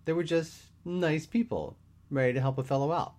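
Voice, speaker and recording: A man voicing a wry, deadpan young man who teases his friend in a dry way. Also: on the high side, normal speed, voice pushed up, close to an everyday voice. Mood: teasing.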